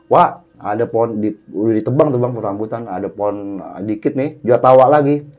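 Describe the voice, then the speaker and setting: A man's voice: on the low side, moderate pace, darkish tone. A man casually tells a dramatic personal story to a host, constantly calling him "Bang". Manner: keeps addressing the host as "Bang", vivid and dramatic. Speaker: guest telling a personal story. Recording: dull lo-fi sound with faint background music.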